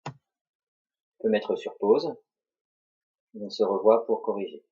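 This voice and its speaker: A man teaching a dictation lesson, slowly spelling out syllables for children to repeat and write. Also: on the low side, dark tone, breathy edge. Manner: slow, deliberate, spells out syllables. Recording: dull lo-fi recording.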